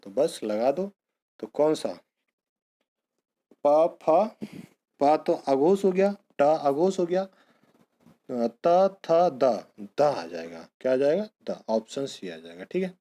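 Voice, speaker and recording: A man's voice: fairly high pitch, sing-song, slow, pauses often, dark tone. A man teaching an exam-prep grammar lesson, who asks a question and then answers it himself, calling his students bhaiya and beta.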